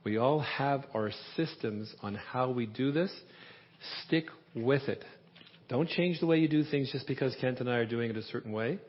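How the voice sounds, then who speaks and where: A man leading a live medical training demonstration, giving directions and pushing the audience for answers. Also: medium pitch. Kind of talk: live clinical teaching demonstration. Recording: dull lo-fi audio.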